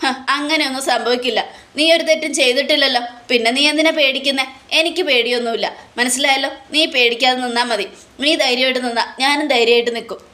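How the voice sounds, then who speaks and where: A woman's voice: high voice, steady tone, fast talker, sharp tone. A woman reading a defiant young wife. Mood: reassuring.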